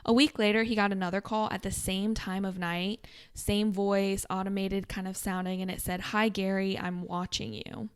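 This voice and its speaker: A woman's voice: little pitch movement, moderate pace, hardly any pauses, clear, resonant tone. A woman co-hosting a podcast, casually retelling a true stalking story with lots of fillers. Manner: retells stories with frequent fillers, drops to a low murmur for asides. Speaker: podcast co-host.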